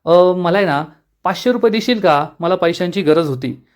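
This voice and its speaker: Man voicing soft, reassuring teacher mom, raised pitch. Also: moderate pace, close to an everyday voice. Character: gentle, self-sacrificing schoolteacher mother.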